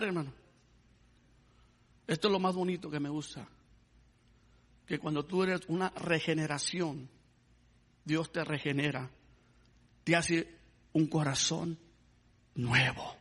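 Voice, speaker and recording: A man's voice: fairly high pitch, a little slow, long pauses, fairly bright tone. A man preaching a sermon, calling his listeners "brother" and asking them to praise the Lord. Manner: repeats "hermano" and asks the congregation to praise the Lord. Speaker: pastor.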